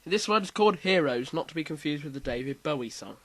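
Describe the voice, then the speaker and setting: Man, quiz host, bright forceful voice, slightly high pitch, emphatic question reading. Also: a little fast. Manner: reads questions with emphatic lively delivery. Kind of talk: casual quiz chat.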